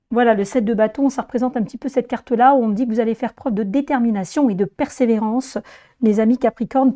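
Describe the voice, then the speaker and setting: A woman presents a monthly horoscope as an informal tarot reading, speaking straight to her viewers and explaining as she goes. Her fairly high voice is mellow but hoarse and strained, weakened by laryngitis after the flu.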